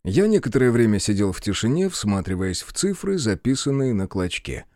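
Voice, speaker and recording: A man's voice: lowish voice, big pitch swings, a little fast, darkish tone, no room sound. A man narrating an audiobook in the first person, with a dry, sardonic delivery.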